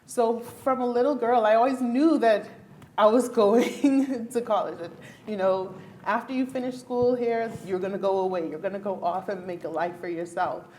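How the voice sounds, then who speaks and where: This woman, a Bahamian neurologist, speaks at a moderate pace in a mid-range, slightly mellow voice with fairly even intonation. She's answering on a luncheon panel in an event hall, earnest and emphatic, often breaking into laughter, with slight noise behind her.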